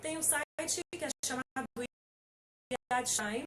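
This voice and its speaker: A woman's voice: sits high, slow pace, recorded from a distance. A middle-aged Brazilian woman lawyer giving an informal talk, hesitant with many fillers and emphatic on key points. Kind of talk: informal lecture.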